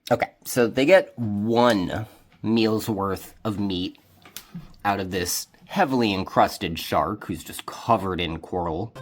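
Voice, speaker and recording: Solo game narrator, man, slow and low-pitched, rambling, faint music underneath. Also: a little hiss or hum. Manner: relaxed, rambling, many fillers. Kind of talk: casual solo tabletop narration.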